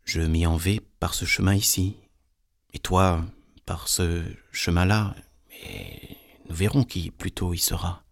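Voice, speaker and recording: A man voicing a sly, menacing male wolf in a storybook reading, speaking low and hushed. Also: lively intonation, a little slow, gravelly, heavily acted. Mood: scheming.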